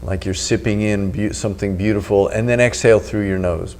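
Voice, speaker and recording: A man with a fairly low voice guides a meditation practice. He speaks as a teacher, giving instructions unhurriedly and leaving pauses. A faint hum sits behind his voice. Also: steady tone, darkish tone. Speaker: meditation teacher and video host. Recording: noticeable background hum.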